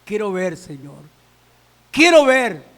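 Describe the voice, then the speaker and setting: A man voicing a blind male beggar who shouts and pleads for mercy, in a reverberant church. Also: high voice, big pitch swings, takes it slowly, heavily acted. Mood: longing.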